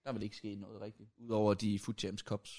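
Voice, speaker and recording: A man's voice: lowish voice, little pitch movement, mellow. A man co-hosting a casual podcast, making dry joking remarks and bursting into laughter. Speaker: podcast co-host. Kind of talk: casual chat.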